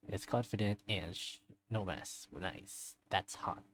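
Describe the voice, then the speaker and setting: A man with a lowish voice speaks slowly over slight background noise in a rough recording. Hosting a let's-play, he reads a visual novel aloud, adding easygoing chatter and asides as he goes through the profile cards.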